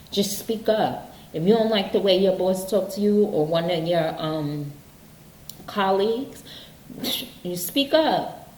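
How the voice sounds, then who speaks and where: A woman's voice: lowish voice, darkish tone, roomy sound, rough recording. A woman giving casual motivational self-help advice, earnest, often checking in with "okay?". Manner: earnest, repeats points with "okay?".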